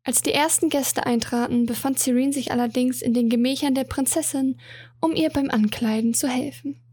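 A woman narrating a romantic fantasy story aloud in a calm, even storytelling manner. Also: high voice, moderate pace, breathy edge, no echo.

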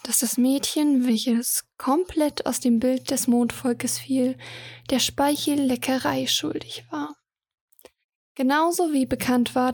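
A woman reads a romantic fantasy story aloud with a calm, even delivery. Her voice sits high and has a breathy, husky edge. The sound is dry and close to the mic. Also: dry recording. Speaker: narrator.

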